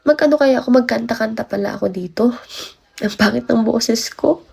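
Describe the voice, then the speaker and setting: This late-teen livestreamer, a 19-year-old college student from Baguio, Philippines, has a somewhat high, gravelly, slightly mellow voice with a breathy edge at normal speed. Though tired and achy from a cold, she chats with viewers, greeting and thanking each one individually.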